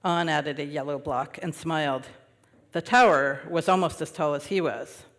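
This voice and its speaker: A man, a minister, reading a children's story aloud during a service in a gentle storytelling manner with light asides. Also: a little high, moderate pace. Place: large worship hall. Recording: long reverb of a worship hall.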